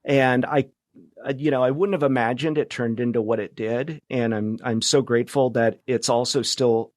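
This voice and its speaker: A media founder and journalist talks as a guest in a relaxed podcast interview. His average-pitched voice is captured in a very dry recording. He's reflective and halting, often circling back to restart phrases with many false starts.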